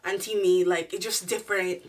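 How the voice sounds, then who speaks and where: A woman giving a chatty, slangy video review in an animated, giggly, tipsy, rambling way. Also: medium pitch, moderate pace, far from the mic. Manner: animated, slangy, acts out quotes. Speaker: reviewer hosting a show review.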